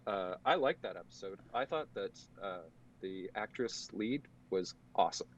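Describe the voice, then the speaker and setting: A man's voice: fairly low pitch, animated, moderate pace, highs cut off. A young man co-hosting a casual podcast, spinning a long mock-serious sarcastic bit and breaking into laughs. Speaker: podcast co-host.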